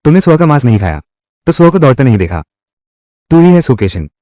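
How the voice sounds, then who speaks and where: A menacing tough guy from a dubbed revenge drama, voiced by a man. His pitch swings widely as he threatens, and the close studio recording is dry with no room sound. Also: sing-song, fast talker, warm tone, dry recording, close to an everyday voice. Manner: threatening, confrontational delivery. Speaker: dubbing voice actor. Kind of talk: Hindi dub of a live-action drama.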